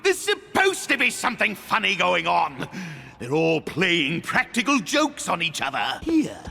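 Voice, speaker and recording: A man's voice: high voice, wildly swooping pitch, creaky, pushed and bright, soft background music, full character voice. King K. Rool, theatrical crocodile villain. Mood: smug, mischievous. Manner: pompous, theatrical, drawn-out words and sudden outbursts. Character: pompous scheming crocodile king, blustering comic cartoon villain. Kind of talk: exaggerated cartoon villain acting.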